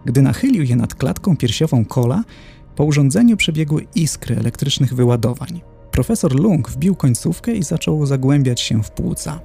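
A man reading a horror story aloud in calm, even narration. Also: mid-range voice, gravelly.

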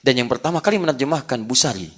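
A male preacher giving a sermon to a congregation. He jokes and laughs, repeats challenges to his listeners, and swings from hushed, slow passages to loud, high outbursts. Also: animated, slightly rough. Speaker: Islamic preacher.

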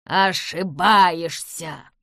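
An angry, forceful grown man barking demands, as a woman reader acts him out. He is loud and insistent, recorded dry and close. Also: lowish voice, lively intonation, slow, no room sound. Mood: demanding.

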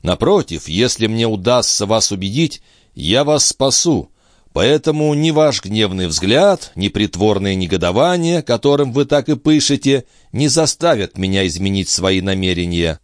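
A stern middle-aged doctor in an audiobook, read by a man, presses his point in a measured, insistent manner. His voice sits fairly low but swings with plenty of lift. The sound is dry and close. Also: big pitch swings, dry recording. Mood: firm.

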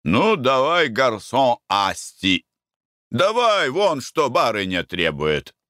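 A man's voice: mid-range voice, big pitch swings, slow, sharp tone, no echo, studio quality, pitched above the performer's own voice, full character voice. Man doing a boisterous hearty merchant. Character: cheerful free-spending merchant man.

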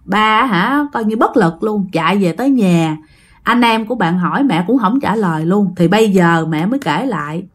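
A woman's voice: mid-range voice, animated, normal speed. A woman casually retelling a ghost story and speaking directly to her listeners. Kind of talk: spoken ghost story narration.

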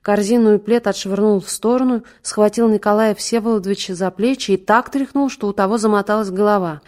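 Female audiobook narrator, measured literary read, mid-range voice. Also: mid-range voice, steady tone, a little mellow. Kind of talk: scripted narration.

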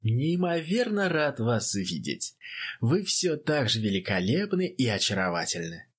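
A man's voice: medium pitch, sing-song, measured pace, husky. Gunter: a man doing a cheerful young naval officer. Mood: gallant.

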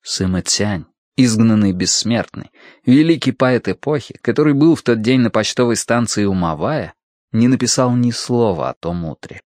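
A man's voice: medium pitch, expressive, normal speed, darkish tone, dry recording. Man narrating an audiobook, dry sound. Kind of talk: scripted narration.

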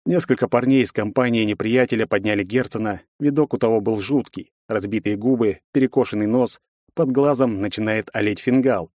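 A man narrating a first-person fantasy audiobook in a measured storytelling manner. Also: on the low side, darkish tone, no room sound, clean studio sound.

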